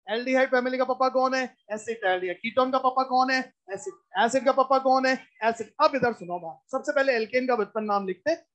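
A woman teaching a live class in a lecture, repeating key points and constantly quizzing her students. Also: a little high. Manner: repetitive, drilling explanations.

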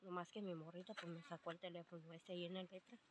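A woman's voice: lowish voice, flat delivery, fast talker, background noise. An older woman with a Mexican accent, telling her story in a rambling way with many fillers, quoting what others said. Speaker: interviewee. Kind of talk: casual storytelling.

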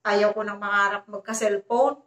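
A woman's voice: mid-range voice, flat delivery, moderate pace, fairly bright tone, pitched below the performer's own voice, natural voice. A woman voicing a timid young woman from the provinces, who pleads anxiously, heard in a roomy echo. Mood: shaken.

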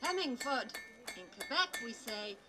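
A woman's voice: fairly high pitch, expressive, a little slow, background noise. A woman voicing a cheerful, helpful little girl explorer puppet, chirpy, instructive and sing-song, in a live children's show. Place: outdoor farmyard puppet booth.

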